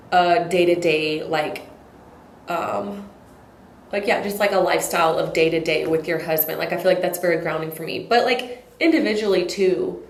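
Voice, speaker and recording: A young married woman, a podcast guest talking in a halting, reflective way. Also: on the low side, reverberant, slight background noise. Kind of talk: casual chat.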